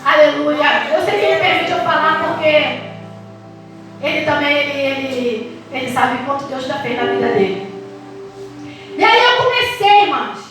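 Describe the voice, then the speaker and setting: A woman's voice: sits high, normal speed, music in the background. A middle-aged woman pastor with a Brazilian Portuguese accent, preaching a sermon passionately and emphatically, stretching and half-singing her phrases. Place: large church hall. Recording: echoey church hall, mic at a distance.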